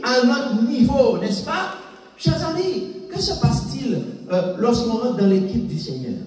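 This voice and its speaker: High-voiced man preaching in an echoey hall. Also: darkish tone, far from the mic. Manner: rhetorical questions, repeated amens, emphatic. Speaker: pastor. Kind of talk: sermon. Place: large echoey church hall. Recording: echoey hall, voice picked up from afar.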